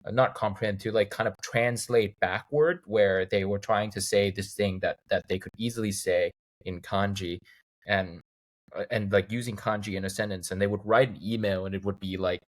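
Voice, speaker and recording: A man in his thirties from Thailand, a guest chatting casually in an interview and acting out examples as he talks. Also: moderate pace. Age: 30s. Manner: animated storyteller, acts out quoted lines in a higher voice. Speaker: guest, video game composer.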